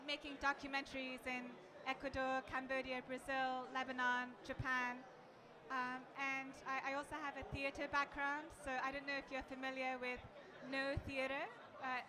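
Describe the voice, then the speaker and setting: A woman founder introducing herself on a conference panel, speaking up in a noisy room. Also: sits high. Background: crowd murmur.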